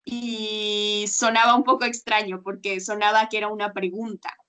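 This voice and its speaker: A woman's voice: mid-range voice, level tone, moderate pace, sharp tone. A woman tutoring Spanish on a video call, patiently explaining pronunciation with examples. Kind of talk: one-on-one language lesson.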